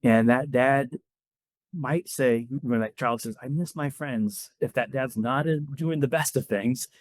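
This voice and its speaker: A man who debriefs fieldworkers appears as a podcast guest, earnestly explaining ideas through stories in a conversational interview. He speaks a little slowly in a mid-range voice, close to the mic with no room sound.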